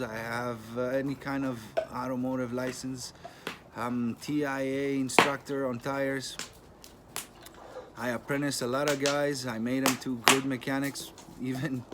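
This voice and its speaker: Greek-accented man, noisy recording. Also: medium pitch. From Greece. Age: 30s. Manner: plain-spoken, unhurried, non-native phrasing. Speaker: channel host. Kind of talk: casual talk to camera. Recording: noisy with clicking sounds.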